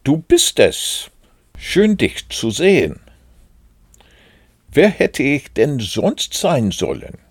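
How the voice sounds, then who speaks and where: A man putting on a fussy, high-pitched rabbit. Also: wildly swooping pitch, extremely slow, long pauses, slightly rough, dry recording, studio quality, heavily acted. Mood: polite, fussy. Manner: prim and fussy. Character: fussy, cautious male rabbit. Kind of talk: storybook reading.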